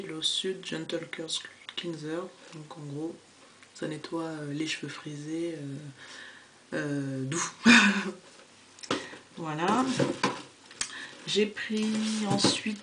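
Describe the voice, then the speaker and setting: A woman's voice: deep voice, takes it slowly, long pauses, fairly bright tone, a little hiss or hum. A woman talking casually in a haul vlog about hair products she bought, hesitant and full of fillers. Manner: hesitant, many fillers, self-correcting. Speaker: vlogger reviewing hair products.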